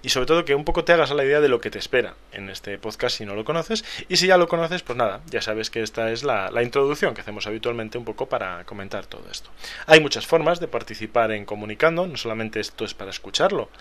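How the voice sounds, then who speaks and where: A man with a Spain Spanish accent talks through a podcast intro in a relaxed, rambling style. He explains as he goes, casual and conversational, at an average pitch for a man. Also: fast talker. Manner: chatty, explanatory, loose and rambling. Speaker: podcast co-host.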